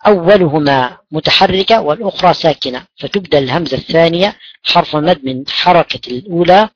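A man explains tajweed rules for Quran recitation, patiently posing questions, answering them himself and repeating key words. His voice is fairly high, and the recording is dull, lo-fi and dry with no room sound.

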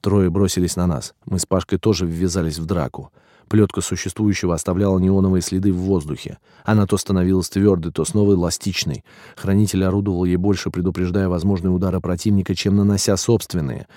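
Deep dark-voiced male audiobook narrator. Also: little pitch movement, fast talker, no room sound, studio quality. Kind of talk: scripted first-person narration.

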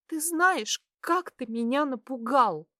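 A woman voicing a tender, tearful young wife who speaks softly and pleads. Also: a little high, measured pace, no room sound, clean studio sound, pitched above the performer's own voice. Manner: soft whispering, pleading.

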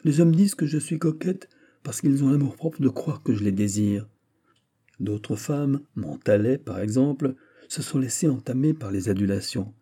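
A man's voice: medium pitch, lively intonation, moderate pace, warm tone, breathy edge. A man voicing a haughty, disdainful young woman at court in an audiobook. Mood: lofty. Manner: disdainful, lofty.

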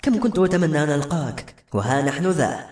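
A man's voice: fairly high pitch, animated, fast, a little mellow, natural voice. A man voicing a solemn old woman who lives alone in the forest, speaking with reverence to a queen in an audiobook. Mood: reverent. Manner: solemn, respectful. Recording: echoey room.

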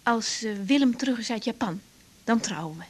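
This actress plays a frank young doctor in a Dutch radio drama with a naturalistic style; the character cares about people but gets thrown easily. Her pitch sits fairly high, with lively intonation and a brisk, slightly rough delivery. The mood is warm yet hesitant, and her speech is informal, halting, and full of repeated words.

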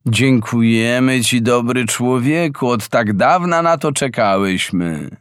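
A friendly old castle gate speaks with gentle, solemn gratitude, as a male storyteller puts it on. The voice sits a little higher than the reader's own and moves slowly. The sound is close and dry. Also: clean tone, no room sound, close to an everyday voice. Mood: grateful, solemn.

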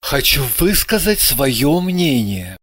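A woman voicing a calm, soft-spoken male president who talks slowly and critically. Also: deep voice, slightly rough, no room sound, pitched below the performer's own voice, exaggerated voice. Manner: slow, measured, unruffled.

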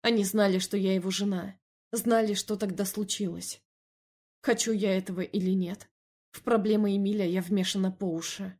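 Woman narrating a novel, husky voice. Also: medium pitch, fairly even intonation, normal speed, a little mellow. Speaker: audiobook narrator. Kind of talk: first-person novel narration.

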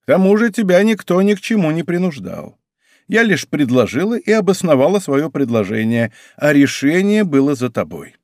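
A male audiobook reader voicing a worldly old woman who gives gruff, matter-of-fact advice, raising his voice somewhat for her. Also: on the high side, sing-song, moderate pace, no echo, studio quality. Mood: blunt. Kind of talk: audiobook character voice.

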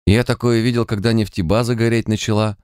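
A man's voice: fairly low pitch, level tone, fast talker, darkish tone, clear, resonant tone, no echo, clean studio sound, pitched above the performer's own voice, lightly acted. A man voicing a matter-of-fact male squadmate in an audiobook. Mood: musing.

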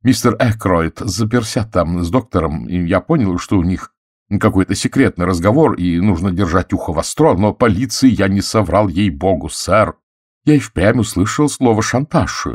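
A man's voice: low voice, expressive, slightly rough, no echo, clean studio sound, pitched above the performer's own voice. A man voicing a nervous, servile middle-aged butler who pleads and stammers, in an audiobook. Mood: pleading. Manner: pleading, stammering, slow and anxious. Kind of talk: audiobook character voice.

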